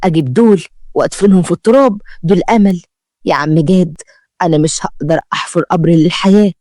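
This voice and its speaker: A defiant, poor Egyptian woman who digs graves, read by a storyteller. She talks fast and insistently, pleading and determined. The recording is dry and close. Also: medium pitch, a little mellow, dry recording, close to an everyday voice. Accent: Egyptian Arabic.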